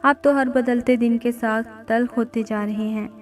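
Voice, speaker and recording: A woman's voice: on the high side, fairly even intonation, normal speed, soft background music, natural voice. A woman voicing a loving young wife who speaks in a tender, pleading way.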